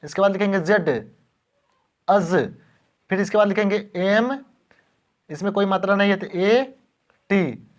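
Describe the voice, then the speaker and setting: A man's voice: sits high, a little slow, pauses often. A man teaching beginners how to spell words, patiently repeating each word and asking the class questions.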